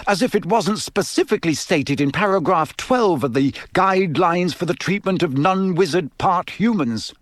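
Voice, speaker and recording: A man's voice: high-pitched, lively intonation, moderate pace, hardly any pauses, no echo, clean studio sound, voice pushed up. A man voicing a pompous, indignant, self-important young man in a storybook reading.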